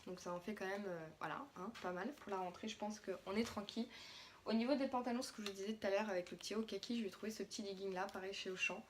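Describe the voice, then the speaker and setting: A woman's voice: mid-range voice, fast talker, slight background noise. A young French woman, a mother, chatting casually through a haul of her daughter's clothes with plenty of fillers and restarts.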